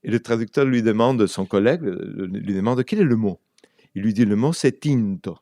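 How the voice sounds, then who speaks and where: The guest in this conversational interview is an Argentine man, a writer and translator who speaks Spanish natively with an Argentine accent. He recounts anecdotes at a moderate pace in a lowish, dark voice, frequently searching for words, and the studio-quality recording is dry.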